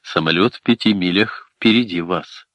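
A man's voice: low voice, moderate pace, dry recording. A man reading an unemotional air traffic controller. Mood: calm. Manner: flat, unemotional instructions. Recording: dull, dry lo-fi recording.

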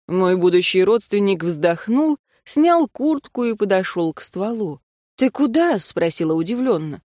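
A woman narrating a first-person audiobook in a lively, expressive way. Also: mid-range voice, no echo, clean studio sound.

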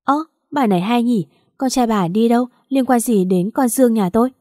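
A woman's voice: on the high side, brisk, dark tone, no echo, clean studio sound, natural voice. A woman voicing a gray-haired older father who speaks sternly and reproachfully in an audio story.

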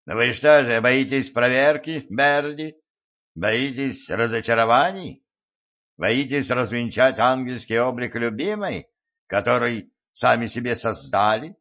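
A man reading an audiobook and voicing a scornful, cool-headed rich man who speaks slowly and mockingly. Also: mid-range voice, animated, a bit bright. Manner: mocking, unhurried, emphatic. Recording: muffled lo-fi recording.

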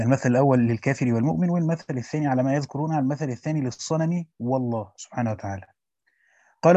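Guy reading old commentary out loud quick, breaks off to explain, flat muffled dry audio. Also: medium pitch, no room sound. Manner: reads fast, stops to explain in Egyptian Arabic. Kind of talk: reading a classical text aloud with spoken asides. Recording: dull dry lo-fi recording.

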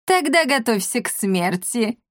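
A woman's voice: a little high, big pitch swings, unhurried, no room sound, studio quality. A woman voicing a nasty, scheming old male apothecary who sneers and threatens in an audiobook. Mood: sneering.

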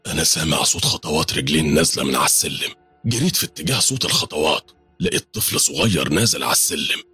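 A man's voice: extremely low pitch, expressive, racing, pushed and bright, slightly rough, soft background music. A man with an Egyptian accent narrating a first-person horror story with urgent, dramatic delivery. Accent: Egyptian Arabic.

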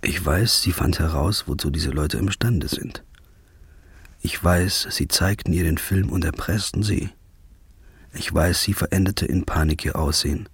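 A deep, unhurried male voice with a breathy edge plays a haggard detective, hungover and obsessed with finding the truth. The heavily acted performance is terse and determined, narrating in brooding voice-over like a film drama, and the recording is dry.

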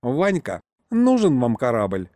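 A man's voice: mid-range voice, huge pitch swings, takes it slowly, warm tone, dry recording. A man reading an audiobook, voicing a crafty, boastful old retired miner who rambles folksily through his tales. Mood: offended. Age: older.

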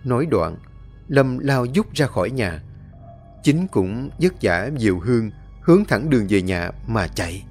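A male storyteller narrating a dramatic tale in an expressive, animated way. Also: medium pitch, a little slow. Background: faint music.

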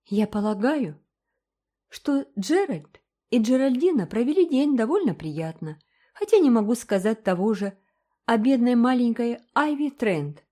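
A woman's voice: on the high side, very animated, measured pace, warm tone, voice pushed up. Brief: composed young teacher, icy politeness, storybook, read by a woman. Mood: cool, dignified.

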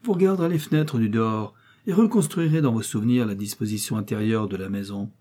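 A man voicing a stern, commanding nobleman in an audiobook, brusque and forceful. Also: lowish voice, quick pace, natural voice.

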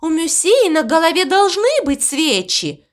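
Woman doing a motherly storybook cow, patient, explains everything slow and sing-songy. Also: very high-pitched, sing-song, pitched above the performer's own voice, heavily acted. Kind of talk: storybook reading.

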